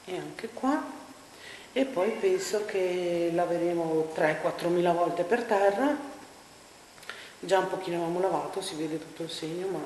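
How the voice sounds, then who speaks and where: A woman chatting casually while vlogging her home renovation, her voice ringing with the loud echo of a bare, emptied room. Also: lowish voice. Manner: chatty, wry, narrating while working. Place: empty living room under renovation, indoors. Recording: echoey empty room, faint noise.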